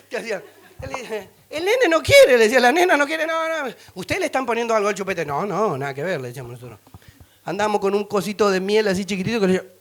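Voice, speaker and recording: A man's voice: high-pitched, a bit bright. A middle-aged man with a Rioplatense Spanish accent, preaching a humorous sermon as a pastor, acting out voices, singing snippets and laughing often.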